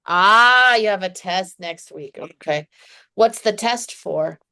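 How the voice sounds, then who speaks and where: A woman's voice: mid-range voice, takes it slowly, sharp tone, smooth. A woman teaching an online English lesson, chatty and encouraging, with frequent laughs; she is dizzy today. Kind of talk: one-on-one online lesson chat.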